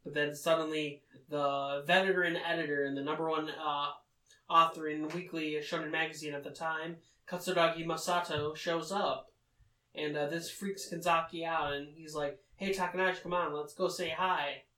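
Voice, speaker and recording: A man casually summarizing a manga story, talking haltingly with many fillers. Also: a little high, level tone, bright, forceful tone. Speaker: manga recap commentator. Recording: roomy, distant mic.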